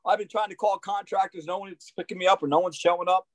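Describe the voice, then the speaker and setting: A man's voice: high voice, fast talker, dry recording, low-quality recording. Upbeat man in his sixties, dry sound. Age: 60s. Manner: upbeat, energetic, many "you know" fillers. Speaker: guest, roofing salesman. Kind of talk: casual interview chat.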